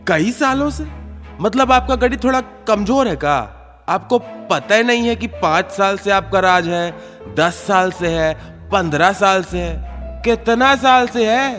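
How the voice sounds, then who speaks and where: A man's voice: sits high, lively intonation, unhurried, fairly bright tone, soft background music. A man voicing a cocky, talkative young male ghost with rustic, teasing banter. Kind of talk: audio story acting.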